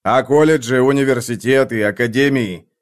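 A man's voice: medium pitch, normal speed, natural voice. Audiobook figure: male reader voicing a curt interrogator, matter-of-fact. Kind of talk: audiobook character voice.

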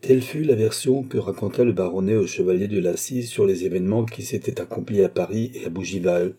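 A man narrating a classic novel as an audiobook, reading in a measured, steady way. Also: deep voice, husky.

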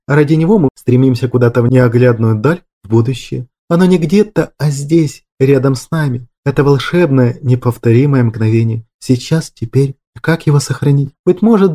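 A man voicing a dreamy, earnest young woman in love in a storybook reading, speaking softly and with rapture. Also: mid-range voice, close to an everyday voice.

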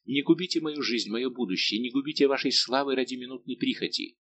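A man voicing a fragile, heartbroken young woman who pleads softly, in an audiobook. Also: medium pitch, fairly quick, close to an everyday voice. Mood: pleading.

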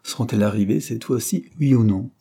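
A man voicing a tired, patient father with a dry humor in an audiobook, speaking calmly and gently wry. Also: mid-range voice, brisk, vocal fry, breathy edge.

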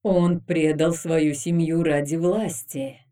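A woman reading an audiobook, voicing a serene female temple priestess who speaks slowly, calmly and sternly. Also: low-pitched, big-room sound. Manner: slow, calm, stern.

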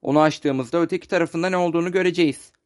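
A man's voice: fairly high pitch, rapid-fire, natural voice. A man voicing a practical, brave tin woodman in a storybook reading, calling out in a raised, urgent voice. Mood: firm. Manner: urgent, firm calls.

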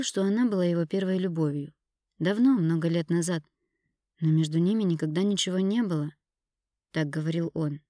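A woman narrating an audiobook in the first person, in a measured, intimate storytelling manner. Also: on the low side, mellow, dry recording, clean studio sound.

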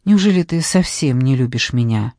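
A woman's voice: a bass voice, animated, moderate pace, mellow, no room sound, clean studio sound, voice pushed down. A woman reading the lines of an anxious, insistent young fiancée who pleads in emphatic bursts. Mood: pleading.

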